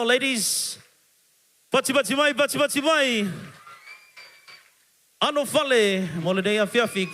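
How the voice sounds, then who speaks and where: MC at a live stage show: male, Samoan accent, high voice, rallying announcements to the crowd. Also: a bit bright. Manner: hyping the crowd. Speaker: event MC. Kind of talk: live stage announcing, switching between two languages.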